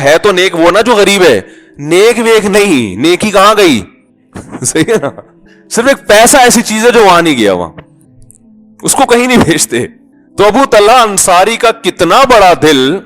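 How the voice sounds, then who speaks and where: Man preaching a sermon, somewhat high voice. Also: fairly bright tone. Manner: conversational, joking, full of rhetorical questions; acts out little dialogues. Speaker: Islamic scholar and preacher.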